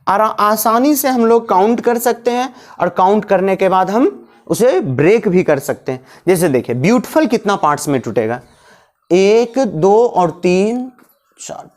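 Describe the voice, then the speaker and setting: A woman's voice: mid-range voice, expressive, moderate pace, darkish tone. A woman teaching an English lesson step by step, asking questions and answering them herself. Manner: explains step by step, asks and answers own questions. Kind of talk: classroom-style grammar lesson.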